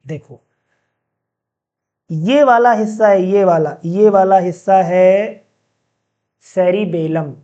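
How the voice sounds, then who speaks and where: A man teaching a class in a casual, chatty way, often asking the students questions and slowly reading out English lines. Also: sits high, dark tone, dull audio. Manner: mixes in read-out English sentences, slowly. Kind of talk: classroom lecture.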